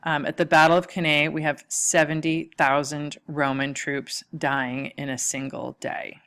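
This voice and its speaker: A woman with a low voice gives a history lecture, pointing to maps and slides as she goes. Her delivery is casual and loose, full of small fillers and restarts. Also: flat delivery, measured pace, fairly bright tone. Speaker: history teacher. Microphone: lecture recording mic.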